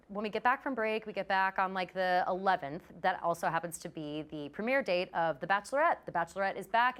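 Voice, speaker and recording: A woman hosting a live talk show in casual chat, chatty and quick to swear. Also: medium pitch, a bit bright, clean tone. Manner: chatty, profane, quick asides. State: out of breath.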